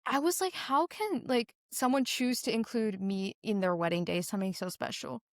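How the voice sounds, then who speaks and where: In a clean, echo-free studio recording, a Singaporean teen girl who founded a business talks through interview questions in an earnest, conversational way. Her medium-pitched voice moves at a moderate pace as she animatedly recounts stories peppered with "like."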